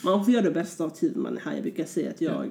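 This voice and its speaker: A podcast host chatting casually and telling relaxed anecdotes to a guest. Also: medium pitch, creaky. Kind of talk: casual interview chat. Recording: roomy echo.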